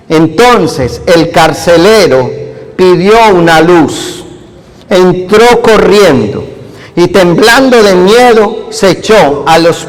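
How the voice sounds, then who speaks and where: High-voiced priest preaching in a hall. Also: male voice. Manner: lively, acts out lines with playful humor. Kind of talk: sermon. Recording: long hall reverb.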